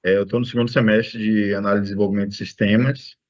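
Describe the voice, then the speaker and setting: A man from Salvador, a student introducing himself on a video call, halting with fillers. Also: fairly low pitch, flat delivery. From Salvador, Bahia, Brazil. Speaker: student squad leader. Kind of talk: self-introduction in online meeting. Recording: dry muffled call audio.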